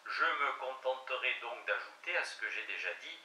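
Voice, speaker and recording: Bright-voiced man reading a classic text. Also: mid-range voice, expressive, moderate pace, far from the mic, slight background noise. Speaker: reader of a classic treatise. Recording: roomy echo, voice set back from the mic.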